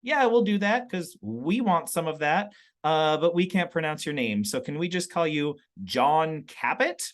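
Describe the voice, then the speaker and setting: A man's voice: on the high side, lively intonation, unhurried. A man voicing personified England as eager and greedy for land.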